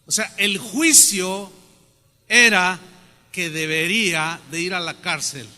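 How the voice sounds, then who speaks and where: A man preaching a sermon, animated and often questioning the congregation. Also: high-pitched, slow pace. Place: church hall. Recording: long hall reverb.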